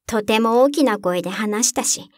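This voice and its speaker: A woman voicing a bossy robber girl, blunt and tomboyish, quick, dry close sound, storybook. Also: fairly high pitch, dry recording, natural voice. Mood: brusque.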